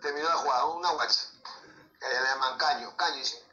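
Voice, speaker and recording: A man with a Peruvian accent, a former footballer, telling lively anecdotes in an interview, with sound effects and laughter. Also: mid-range voice, quick pace, echoey room, highs cut off, soft background music. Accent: Peruvian Spanish. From Peru.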